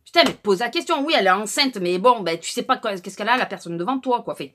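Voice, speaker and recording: A woman's voice: medium pitch, fast, bright, forceful tone. Woman vlogger, chatty and indignant, everyday casual delivery. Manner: chatty, indignant storytelling with many fillers. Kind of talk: casual haul vlog.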